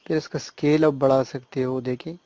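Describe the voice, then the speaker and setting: A man giving a screen-recorded software tutorial, explaining step by step and often checking that the listener follows. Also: medium pitch, level tone. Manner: hesitant fillers and restarts while working on screen.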